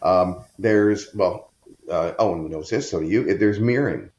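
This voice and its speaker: A man's voice: low voice, unhurried, a little mellow, roomy sound. A man hosting a podcast, chatting casually and listing his points in a rambling, hesitant way. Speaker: podcast host.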